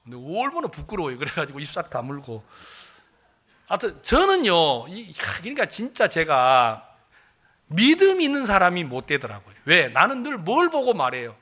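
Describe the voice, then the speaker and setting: A man's voice: fairly high pitch, wildly swooping pitch, normal speed, bright, forceful tone. A male pastor preaching a sermon, firing questions at the congregation and answering them himself.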